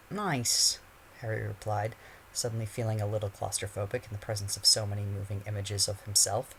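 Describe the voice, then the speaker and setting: A man narrating a fan fiction chapter in a steady storytelling voice. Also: fairly low pitch, a little hiss or hum, low-quality recording. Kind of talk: reading fan fiction aloud.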